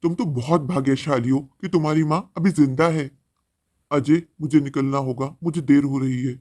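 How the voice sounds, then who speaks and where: A man voicing an older male professor who gives calm advice. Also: on the high side, moderate pace, voice pushed down, natural voice. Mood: hurried. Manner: calm, advising.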